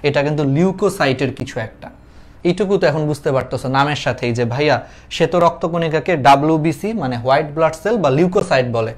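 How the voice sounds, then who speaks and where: A young man with a Bangladeshi Bengali accent teaching an online class, explaining terms, repeating them and asking students questions in a colloquial way. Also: on the high side. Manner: colloquial dialect forms mixed with English terms.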